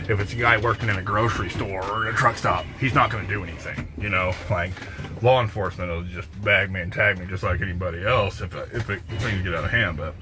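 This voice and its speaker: A man's voice: lowish voice, pushed and bright, a little hiss or hum. An American man, a truck driver, chatting casually on a phone livestream from his truck cab, blunt, profane and rambling with lots of restarts. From United States.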